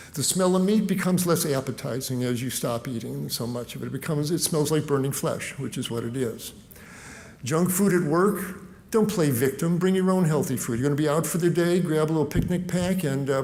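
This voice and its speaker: Fairly high-voiced male physician, lively conversational health lecturer. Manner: lively, conversational, talks the listener through everyday choices. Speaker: physician giving a nutrition talk.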